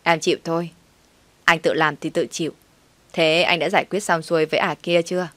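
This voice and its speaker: A woman voicing a sharp-tongued younger sister who talks in a blunt, sarcastic way. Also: sits low, flat delivery, a little fast, no room sound.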